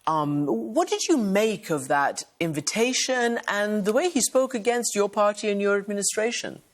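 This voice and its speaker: A woman's voice: medium pitch, lively intonation, normal speed. A woman television anchor conducting a news interview, posing poised, probing questions.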